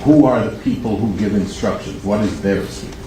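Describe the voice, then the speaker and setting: Lawyer guy grilling a witness, kinda low voice, keeps rewording questions, distant mic with room noise. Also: a little fast. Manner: probing, repeats and rephrases questions. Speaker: defense attorney. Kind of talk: courtroom cross-examination. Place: courtroom. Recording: echoey, distant, noisy courtroom audio.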